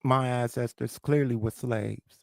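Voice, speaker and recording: A St. Louis livestream host with a lisp and a regional South Midwest accent answers his chat in a profane, confrontational rant. His mid-range voice is creaky and darkish, steady in tone and unhurried, captured in clean studio sound with no room sound.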